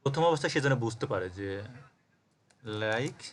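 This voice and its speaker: With lively intonation and a mid-range voice at normal speed, this Bangladeshi man runs a live coding lesson on a call. He breaks things down step by step, spells out words letter by letter, and keeps checking that his students understand. There's slight background noise.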